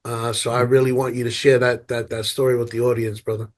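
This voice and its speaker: A man's voice: mid-range voice, little pitch movement, fairly quick. A man hosting a podcast interview, hyped and slangy, often repeating words as he gets a sentence started. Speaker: podcast host. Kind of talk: casual interview chat.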